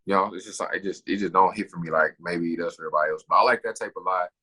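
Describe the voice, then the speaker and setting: A man riffing fast with friends on a podcast, his words tumbling out in slang and restarts. His voice sits a little low and has a husky edge. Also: pushed and bright, rough recording. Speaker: podcast co-host. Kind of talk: casual chat.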